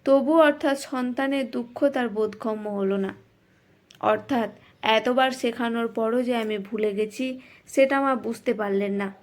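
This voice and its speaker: A woman narrating a first-person story in a reflective, self-mocking way. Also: a little high.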